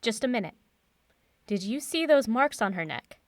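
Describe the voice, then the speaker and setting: A woman acting a brisk, confident professor and mentor in an audio drama, assured and instructive. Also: on the high side, very animated, dry recording, clean studio sound. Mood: brisk, urgent.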